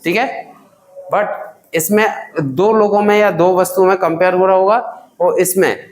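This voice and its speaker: A man's voice: high-pitched, fairly even intonation, normal speed, echoey room, low-quality recording. A man teaching grammar in a classroom, drilling students with repeated questions and calling them children. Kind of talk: classroom lesson.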